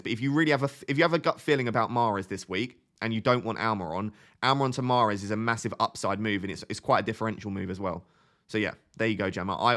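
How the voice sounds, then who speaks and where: A man in his twenties, with a fairly low and fairly bright voice, hosts a casual live stream. He thinks aloud while answering questions from viewers, chatty and prone to restarting phrases.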